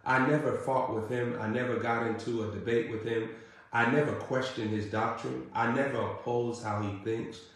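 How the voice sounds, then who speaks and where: A man's voice: steady tone, moderate pace. Preaching man in a very echoey room. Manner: rising to emphatic repeated questions, then dropping low. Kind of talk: sermon.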